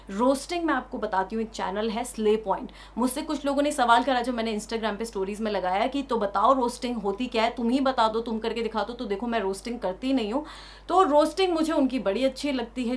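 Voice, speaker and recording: A young woman giving an indignant opinion rant on her vlog, full of emphatic rhetorical questions. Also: on the high side.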